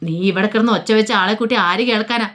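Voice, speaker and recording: A woman's voice: mid-range voice, fast, a bit bright, close to an everyday voice. A woman voicing a cruel young man who taunts and threatens, in a sneering manner. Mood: taunting. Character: menacing young male villain, taunting and cruel.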